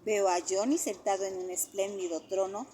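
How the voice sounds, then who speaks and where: A woman voicing a young blind man who calmly answers children's questions, in a storybook reading. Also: mid-range voice, normal speed, background noise, lightly acted. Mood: gentle.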